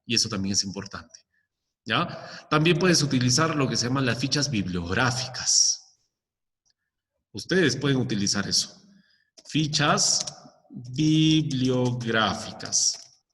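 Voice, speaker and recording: A man's voice: mid-range voice, expressive, moderate pace, pauses often, fairly bright tone, in a large hall. A male teacher giving a recorded lesson, explaining step by step and often checking with the class. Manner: explains with many rhetorical questions and "¿ya?" checks.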